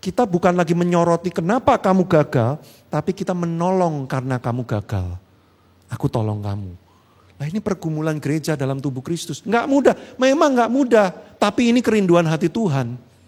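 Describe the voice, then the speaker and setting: Animated preacher in a reverberant church. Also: male voice. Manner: animated preaching, acting out quoted voices, dropping low and slow for earnest points. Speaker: pastor. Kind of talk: sermon. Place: church hall.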